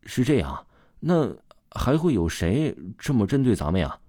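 A man's voice: mid-range voice, very animated, moderate pace, no room sound, clean studio sound. A man voicing a cautious young male swimmer. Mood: probing. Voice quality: soft, tentative.

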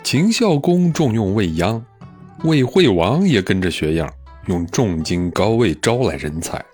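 Expressive male storyteller, low voice. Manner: expressive, conversational with drawn-out particles. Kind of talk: storytelling narration.

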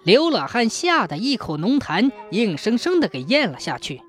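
A woman narrating a ghost story in a measured, suspenseful way. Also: fairly high pitch, very animated, faint music behind.

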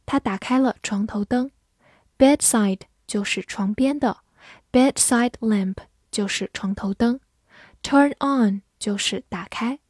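A woman's voice: fairly high pitch, darkish tone, no echo, studio quality. Patient woman teaching English words. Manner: clear, patient, spells words letter by letter. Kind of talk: vocabulary lesson.

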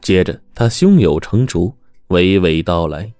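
A man with a very low voice tells a dramatic story, acting out the lines of each character. Faint music plays under his voice. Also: measured pace, dry recording. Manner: expressive, acting out the dialogue.

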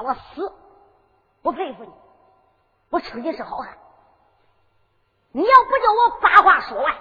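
A woman's voice: sits high, pushed and bright, in a large hall, lo-fi sound, exaggerated voice. A woman with a Henan accent voicing a bold, defiant young man who is destined to be emperor, taunting his captor in a storytelling performance. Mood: challenging. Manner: taunting, emphatic storyteller delivery.

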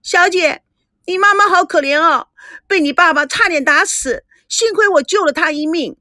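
A woman voicing a loud, dramatic young maid who exclaims. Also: extremely high pitch, normal speed, no room sound, clean studio sound, voice pushed up.

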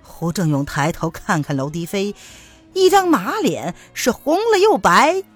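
A woman narrating a martial-arts novel in a lively, expressive storytelling manner. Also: mid-range voice, measured pace, breathy edge, soft background music.

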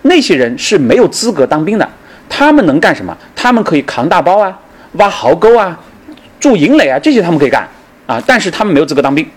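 A middle-aged man delivers a public history lecture, telling the story with energy, acting out its figures and putting questions to the audience. His voice is fairly high-pitched with a breathy edge, and he talks fast.

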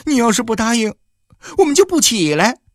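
A man's voice: extremely high pitch, sing-song, brisk, a bit bright, no room sound, clean studio sound, voice pushed up, full character voice. A man voicing a desperate village woman who pleads tearfully and insistently, in an audiobook. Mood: begging. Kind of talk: audiobook character voice.

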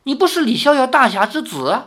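A reader voicing an old woman, an elder who questions a young stranger sharply and then warms to him with formal, old-fashioned courtesy. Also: high voice, very animated, brisk, pitched above the performer's own voice, heavily acted. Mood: puzzled. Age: older. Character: stern then kindly old woman, elder of a hidden sect.

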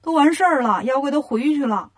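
A woman voicing a brash, impatient male monkey king in a children's storybook, loud and teasing. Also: high voice, expressive, quick pace.

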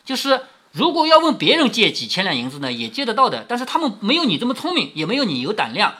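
A wheedling young nobleman coaxes and flatters, as a storyteller reads his part. The voice leaps up and down in a very lively way and sounds bright and forceful. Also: high voice, quick pace, exaggerated voice. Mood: coaxing. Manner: coaxing, flattering. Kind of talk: storytelling reading.

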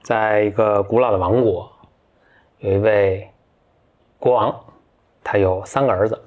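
A man's voice: fairly low pitch, steady tone, a little slow, phone-quality sound. A man, a podcast host telling a fairy tale in a casual, chatty way. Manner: chatty, with many fillers and restarts. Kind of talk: casual storytelling.

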